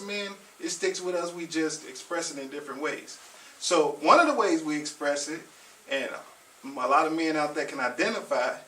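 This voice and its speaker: A man's voice: a little high, pushed and bright. A man talks bluntly and casually, swearing freely as he speaks to his audience. His voice sits slightly above the usual male range. The sound is roomy and picked up from a few feet away, with faint background noise. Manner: blunt, profane, conversational. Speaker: relationship vlogger. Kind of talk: candid to-camera monologue. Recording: roomy echo, mic at a distance.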